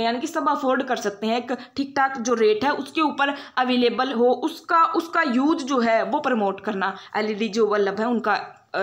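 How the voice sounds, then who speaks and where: A young woman with a Haryanvi Hindi accent teaching an exam-prep lecture, explaining patiently, restating points and often pausing with fillers. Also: high-pitched. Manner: explanatory, repeats herself, frequent fillers and restarts, mixes English terms.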